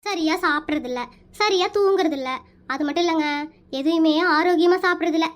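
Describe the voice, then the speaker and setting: A woman's voice: very high-pitched, brisk. A woman voicing a put-upon middle-aged village housewife with a Kongu Tamil accent, complaining in a comic cartoon. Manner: plaintive, complaining.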